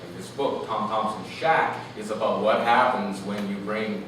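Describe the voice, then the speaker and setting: A Canadian author with a lowish voice gives an expressive reading of his literary prose at a live event, his phrasing animated, lyrical and deliberate. The distant mic picks up an echoey, noisy room.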